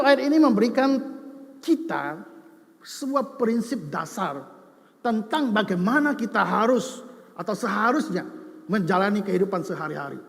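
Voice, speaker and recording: A man, preaching as a pastor in a playful, animated way, acting out both sides of imagined dialogues. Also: high-pitched. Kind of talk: sermon. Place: large church sanctuary. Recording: long reverb of a church hall.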